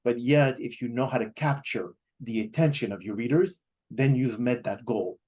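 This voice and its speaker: A man's voice: mid-range voice, moderate pace, a little mellow, breathy edge. Guy hosting a podcast, rambles on with lots of uh and um before getting to his question. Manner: rambling, with many fillers. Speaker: podcast host. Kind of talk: casual interview talk.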